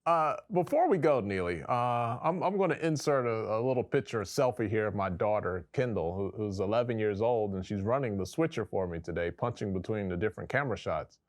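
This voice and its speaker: A man hosting a casual talk show, joking and bantering in an animated way. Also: lowish voice, brisk, few pauses.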